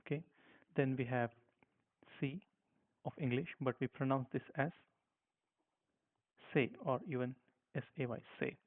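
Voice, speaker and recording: A man's voice: mid-range voice, steady tone, normal speed, pauses often. A man teaching a language lesson, patiently spelling out letters one at a time and saying how each one sounds. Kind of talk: slow spoken lesson with repetition. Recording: tinny phone-like sound.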